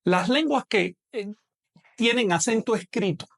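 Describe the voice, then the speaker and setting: A man giving an online language lecture, explaining patiently and slowing down to model pronunciation. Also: sits high, gravelly, fairly bright tone. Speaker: language teacher.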